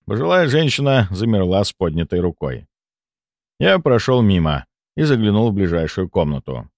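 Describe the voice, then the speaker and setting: A man narrating a first-person audiobook in a lively, expressive reading. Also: fairly low pitch, moderate pace, dry recording, clean studio sound.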